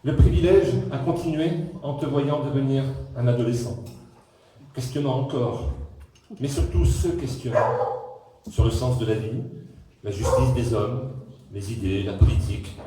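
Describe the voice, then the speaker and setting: Reading a formal text at a measured pace, the groom's middle-aged father pauses now and then for dry jokes at his own expense. His mid-range voice has a dark tone, and the recording sounds distant, echoey and slightly noisy.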